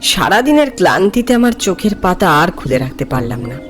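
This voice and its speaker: Playing both narrator and character, an actor portrays a curious, courteous office junior telling his own horror tale in a calm storytelling mood, with music behind him. The voice is high-pitched, sing-song, brisk, and a bit bright.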